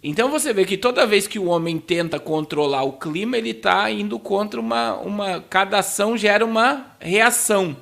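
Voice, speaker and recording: A man with a Brazilian Portuguese accent gives informal commentary to viewers as a pastor, in a halting way that repeats words. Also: high voice, lively intonation, gravelly, fairly bright tone. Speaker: pastor hosting a talk show.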